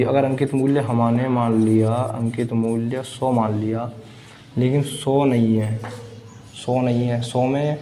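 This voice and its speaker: Man, maths teacher, blackboard lesson, asks and answers his own questions, mellow tone. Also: mid-range voice, a little hiss or hum. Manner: asks the class questions and answers them himself. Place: classroom with a board.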